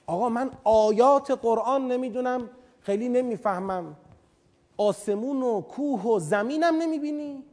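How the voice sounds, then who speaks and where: A man with a high-pitched voice delivers a Quranic commentary lecture to listeners. He drops to hushed, low-toned lines and then pushes out loud, insistent bursts. He makes his points through homely comparisons to a craftsman winning customers. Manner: uses everyday craftsman and customer analogies. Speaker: preacher teaching Quran commentary.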